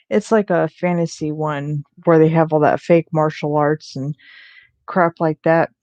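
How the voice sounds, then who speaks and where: A woman's voice: fairly low pitch, a little mellow, dry recording. A young woman in casual, rambling chat, full of ums and restarts, with the odd curse thrown in. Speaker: vlogger.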